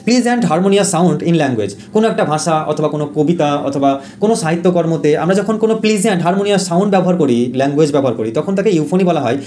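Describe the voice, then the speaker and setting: A man teaching an exam-prep lesson, who explains in Bengali, reads English definitions slowly and often pauses with fillers and corrects himself. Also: a little high, animated, mellow, slight background noise. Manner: frequent fillers and self-corrections.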